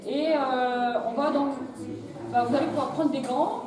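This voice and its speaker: A woman's voice: high-pitched, fairly even intonation, a little slow, a crowd in the background. A woman giving an informal, hesitant, improvised briefing to a group of volunteers as their organiser. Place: large echoey room with volunteers. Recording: echoey, noisy room from far off.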